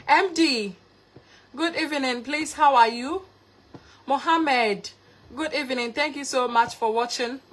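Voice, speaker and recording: High-pitched and fairly bright, this young woman's voice moves a little slowly. She is from Ghana, speaks with a Ghanaian accent, and runs a cooking livestream where she welcomes viewers by name and keeps repeating her thanks.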